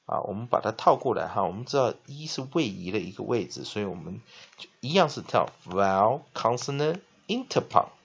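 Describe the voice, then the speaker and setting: A male teacher explaining English spelling, spelling words out letter by letter and repeating them slowly. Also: fairly low pitch, sing-song, vocal fry, breathy edge. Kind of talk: classroom-style lesson explanation. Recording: dull lo-fi recording with faint noise.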